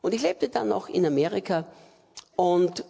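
A middle-aged Austrian man preaches in a rather high, husky voice with a gravelly edge. He talks emphatically and repeats key phrases. His sermon rings out in a reverberant hall. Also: animated, moderate pace, dark tone.

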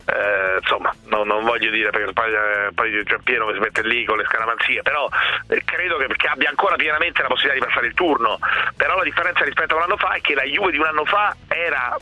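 A man's voice: medium pitch, fast talker, sharp tone, no echo. A man analysing football in a radio discussion, circling back to rephrase his points. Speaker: football commentator. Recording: slightly dull, lo-fi radio sound.

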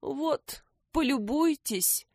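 A woman's voice: fairly high pitch, animated, takes it slowly, dry recording, studio quality, voice pushed up. A woman voicing a fussy, tearful little male hedgehog who whines and complains. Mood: whiny. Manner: whiny, complaining.

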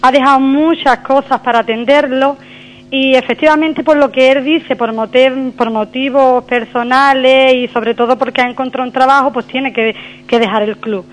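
Woman phoning in to a radio show, high voice heard over the phone line, hesitant and full of fillers. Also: fairly even intonation, moderate pace. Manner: hesitant, many fillers and restarts. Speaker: radio caller.

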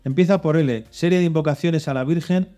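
A man's voice: a little high, brisk, dark tone, soft background music. A man hosting a children's religious quiz show, reading out clues and coaxing the contestants with hints. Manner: reads clues then coaxes and hints. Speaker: quiz host.

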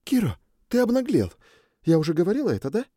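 Casting: a man voicing a sulky, sarcastic young woman in an audiobook, soft and slightly raised. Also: high voice, wildly swooping pitch, fast talker, no echo, clean studio sound, pitched above the performer's own voice, exaggerated voice. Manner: grumbling, sarcastic.

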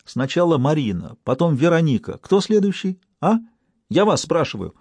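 A man's voice: a little high, sing-song, moderate pace, darkish tone, husky, no room sound, voice pushed up, full character voice. A man reading an audiobook, voicing a panicky young male bank clerk in a hysterical, pleading way.

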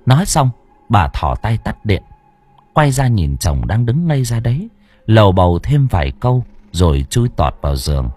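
Expressive male storyteller with a husky voice. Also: on the low side, normal speed, no room sound, soft background music. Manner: expressive, dramatic. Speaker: audiobook narrator. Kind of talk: dramatic storytelling.

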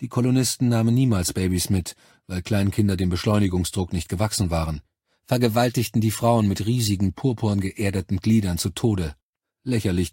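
A man reading a science fiction story aloud as a first-person audiobook narration in an even, measured way. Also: fairly low pitch, slightly rough, no room sound, studio quality.

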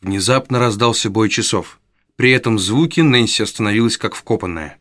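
A man narrating a story in a measured, dramatic storytelling manner. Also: fairly low pitch, expressive, a bit bright, no echo, studio quality. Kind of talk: audiobook narration.

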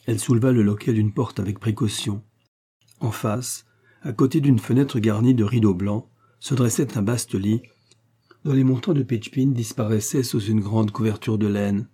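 A man narrates a novel in a steady, even voice, low and mellow. His tone has a soft husky grain. The reading is calm and measured throughout. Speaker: audiobook narrator.

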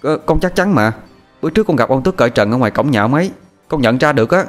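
An eager village boy speaks up in a higher, pressing voice, as a man voices him. He pleads quickly and insists on being heard. His voice lifts and bounces through each line. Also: animated, faint music behind, close to an everyday voice. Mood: urgent insistence.

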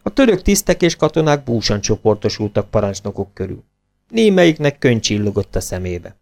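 A man reading a children's storybook aloud, expressive and animated. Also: fairly low pitch, creaky. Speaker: audiobook reader. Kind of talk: storybook narration.

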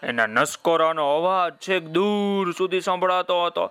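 Man, children's storyteller, playful, high bright voice, dry sound with soft music. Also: unhurried, clear, resonant tone, dry recording. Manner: playful, addresses listeners directly.

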